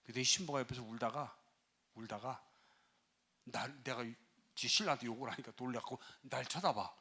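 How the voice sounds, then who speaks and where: A middle-aged male pastor telling a story in a sermon, animated, acting out dialogue and scolding. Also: medium pitch, a little fast, slight background noise.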